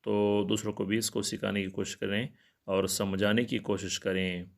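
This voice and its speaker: Low-voiced man teaching Quran recitation. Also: little pitch movement, gravelly. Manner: plain, explanatory and repetitive, with filler pauses. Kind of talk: recitation lesson with explanations.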